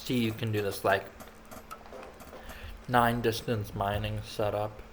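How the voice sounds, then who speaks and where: A man's voice: lowish voice, flat delivery, takes it slowly, a little hiss or hum. A man giving casual, rambling commentary over video game replays, chatting while he snacks. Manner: rambling, laid-back, snacking while talking.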